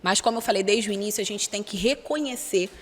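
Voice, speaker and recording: A woman's voice: medium pitch, quick pace, in a large hall. A Brazilian woman, a relationship mentor, talking frankly and expressively as a podcast guest and acting out quoted voices. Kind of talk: candid podcast interview talk. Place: recording studio.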